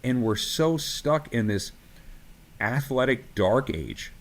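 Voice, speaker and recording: A man's voice: medium pitch, expressive, takes it slowly. A man co-hosting a podcast as a strength coach, talking casually and ranting with passion, swearing freely, full of fillers and restarts.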